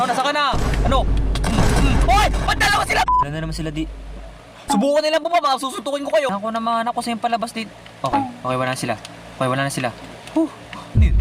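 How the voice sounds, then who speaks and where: Young gamer dude, really high voice that jumps all over, yelling and cursing, noisy game sounds behind. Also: male voice. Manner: excitable, yells and swears at mobs. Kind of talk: game commentary.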